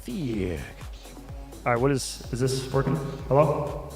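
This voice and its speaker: A man hosting a live stream, chatting casually and excitably, swearing now and then. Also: mid-range voice, moderate pace, faint music behind. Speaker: livestream host.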